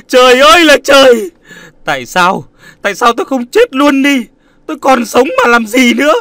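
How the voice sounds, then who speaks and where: A man's voice: very high voice, sharp tone, no room sound, pitched above the performer's own voice, heavily acted. Man narrator voicing a young man wailing in raw grief for a storybook. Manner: crying out in despair.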